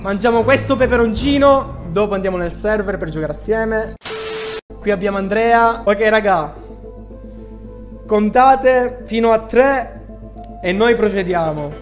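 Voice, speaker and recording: High-voiced excitable young male streamer. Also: a little slow, long pauses, faint music behind. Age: young adult. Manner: excitable, exclaiming to viewers. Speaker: livestreamer. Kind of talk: casual livestream chat. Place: small indoor room.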